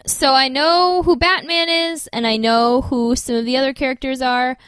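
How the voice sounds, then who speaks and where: A woman co-hosting a podcast in casual, animated, joking chat. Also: sits high, normal speed, clear, resonant tone, dry recording. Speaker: podcast co-host.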